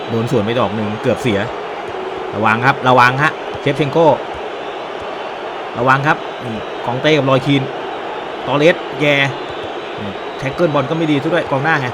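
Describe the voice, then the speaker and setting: A man giving excited, animated play-by-play commentary on a football video game, with frequent exclamations and a Thai accent. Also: medium pitch, heavy background noise. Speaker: gaming YouTuber.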